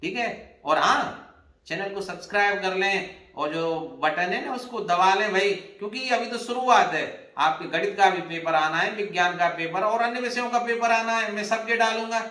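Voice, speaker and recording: A man teaching an exam-prep English lesson, explaining slowly and repeating phrases while calling his students brother. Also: sits high, bright, forceful tone, reverberant, far from the mic, rough recording.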